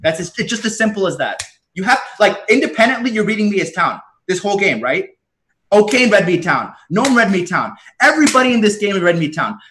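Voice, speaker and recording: A man's voice: sits high, sing-song, a little fast, noisy background. A man losing his voice, insistently arguing his side in a live party game and repeating his points. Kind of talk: heated game argument.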